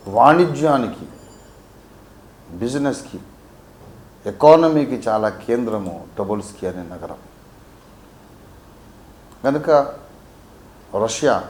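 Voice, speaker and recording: A man from Warangal, a pastor teaching a Bible sermon, swinging between quiet asides and emphatic peaks. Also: fairly low pitch, reverberant, a little hiss or hum. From Warangal, India.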